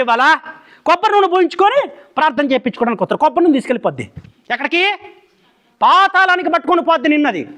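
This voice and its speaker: A man's voice: very high voice, sharp tone. A man preaching a fiery sermon in Telugu, firing rhetorical questions at the congregation.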